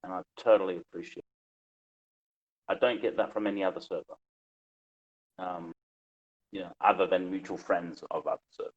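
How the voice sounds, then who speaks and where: A man's voice: low voice, fairly even intonation, moderate pace, long pauses. A man speaking earnestly and a little hesitantly on a casual discussion podcast. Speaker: podcast panelist. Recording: dull lo-fi mic.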